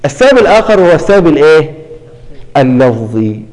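A man with a fairly high voice teaches a recitation class. He quizzes his students and repeats each term, and he stretches words out slowly when he shows how they are read. His voice rings with a long hall reverb. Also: animated, a little mellow. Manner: prompts students with questions, repeats key terms. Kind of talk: classroom lesson on tajweed.

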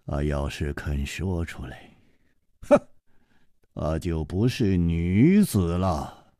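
Man playing a deep calm swordsman, wry and gentle, slow sighing delivery, dry close sound. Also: no echo. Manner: slow low-voiced sighing speech.

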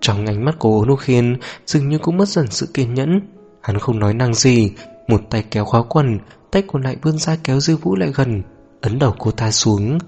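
A man narrating a romance audio novel in an even, steady storytelling manner. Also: medium pitch, moderate pace, breathy edge, faint music behind.

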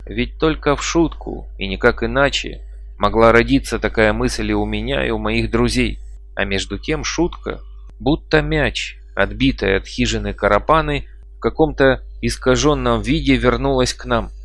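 A man reading an audiobook in a measured, even storytelling manner. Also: medium pitch, dry recording. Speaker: audiobook narrator. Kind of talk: scripted narration.

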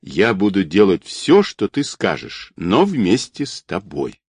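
A headstrong young woman , as a male reader voices her, who is cheerful but won't back down. Her lines rise in bright, lively steps in a dry recording. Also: low-pitched, unhurried, creaky, husky, no echo, exaggerated voice. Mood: insistent. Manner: cheerful, insistent.

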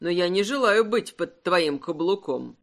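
A woman voicing a confident, teasing aristocratic man, an earl, in a lowered, unhurried voice for a storybook. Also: animated. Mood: serious.

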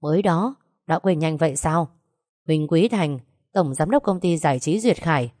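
A woman's voice: deep voice, normal speed, a little mellow, no room sound, clean studio sound, lightly acted. A woman voicing a bold, sly older-sister figure who talks in a brash, bossy way. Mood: scolding.

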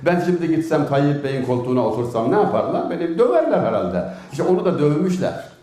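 A man's voice: fairly quick, echoey room. A man telling humorous anecdotes in a religious talk, acting out the characters with big swings of voice. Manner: animated, swings pitch up and down to act out each character. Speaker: storyteller giving a religious talk. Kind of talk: storytelling talk with acted quotes.

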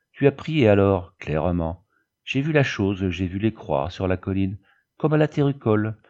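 A man's voice: lowish voice, warm tone, dull audio. A man reading a repentant gaunt son. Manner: contrite, tearful confession.

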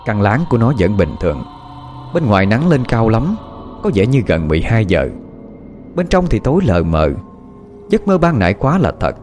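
A man narrating a horror story with expressive, dramatic pacing. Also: on the low side, moderate pace. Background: faint music.

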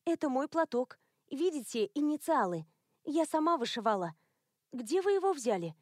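A gentle, naive young woman speaks in bright, breathless exclamations, as a woman reader voices her. Her voice is raised and high, and the recording is dry and close. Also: sing-song, normal speed, dry recording. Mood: earnest.

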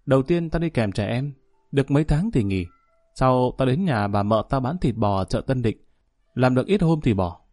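Guy reading a sad young runaway in a storybook, quiet rueful telling, dry sound. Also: mid-range voice, lively intonation, normal speed, no echo, faint music behind, natural voice.

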